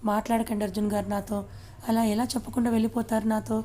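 A woman voicing a tender young wife in an audio story, speaking in a soft, pleading way. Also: on the high side, level tone, fast talker, natural voice. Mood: hurt.

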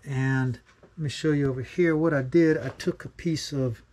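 A man's voice: medium pitch, fairly even intonation, normal speed, a little mellow, slight background noise. A middle-aged man explaining a homemade build in a casual workshop how-to, plainspoken with many fillers. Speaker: DIY maker showing a build. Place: cluttered home workshop.

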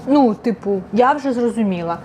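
A young woman from Ukraine talks playfully straight to her handheld camera in a casual vlog. Her voice sits a little high. A faint hiss of background noise stays under her talk. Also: animated, moderate pace, darkish tone. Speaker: vlogger. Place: outdoors in a park, then at home.

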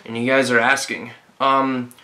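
A young man talking to camera in a bedroom for a casual challenge vlog, halting and deadpan, with crude humor. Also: mid-range voice, noisy background. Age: young adult. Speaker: cameraman and vlogger. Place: bedroom indoors. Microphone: camera at about arm's length.

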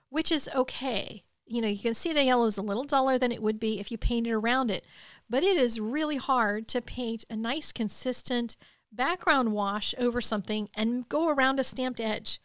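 A woman's voice: on the high side, no room sound, clean studio sound. Woman talking through a watercolor lesson. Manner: calm, explanatory, step-by-step. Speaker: art instructor. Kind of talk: voice-over painting tutorial.

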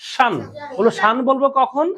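A woman's voice: sits high, moderate pace, crowd noise. Woman drilling English pronunciation. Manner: drilling and quizzing students with repeated questions. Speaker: English teacher. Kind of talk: classroom pronunciation lesson.

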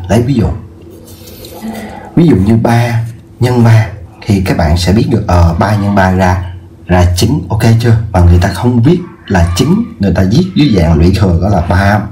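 Low, dark-voiced male math teacher. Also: lively intonation, slight background noise. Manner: checks in often with "ok chưa?", slows to spell out numbers. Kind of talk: casual video math lesson.

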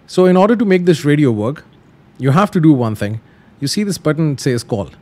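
With a slightly high, somewhat mellow voice, a flight simulator tutorial host talks a little fast and is very animated. He guides viewers casually through each step and repeats the simple instructions.

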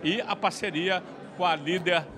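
Male TV interviewer, sixties, Brazilian accent, fairly high voice, flowery and halting, crowd clearly audible behind. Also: steady tone. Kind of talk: event interview. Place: indoor reception event at a hangar. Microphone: handheld interview microphone. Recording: busy event crowd chatter behind.

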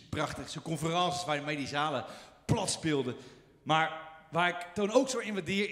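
A man's voice: on the high side, fairly bright tone. Effusive man giving an acceptance speech. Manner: effusive, rambling with fillers and restarts. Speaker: award winner. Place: large theater stage. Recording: echoey theater hall with audience.

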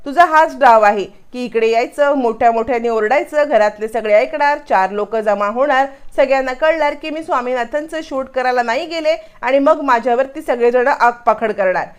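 A woman voicing a haughty young woman who brushes everyone off with scorn. Her voice sits high and clear, the delivery of a storyteller reading a serial aloud. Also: normal speed, few pauses, lightly acted. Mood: scornful. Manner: scornful, dismissive. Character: proud angry young woman, sister-in-law.

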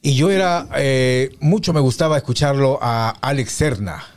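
A middle-aged radio announcer, reminiscing in an unhurried, reflective way, with frequent pauses and fillers. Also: male voice, medium pitch, soft background music. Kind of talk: casual reminiscing conversation.

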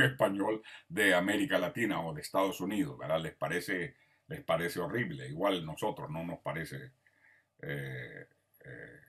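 A man's voice: deep voice, a bit bright, breathy edge. Man teaching a class over a video call. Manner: patient, lists words one by one, often asks "¿verdad?". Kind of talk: online grammar class.

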